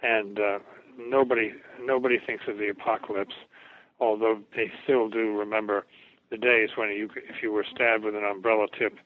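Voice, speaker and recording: An older man, a historian, answering interview questions in a reflective academic way, halting and repeating words as he thinks. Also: fairly low pitch, flat delivery, no echo. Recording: tinny phone-like radio recording.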